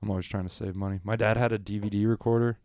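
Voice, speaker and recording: A man's voice: on the low side, fairly even intonation, very fast, darkish tone, no echo, clean studio sound. A man co-hosting a casual podcast, joking crudely and laughing often. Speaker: podcast co-host.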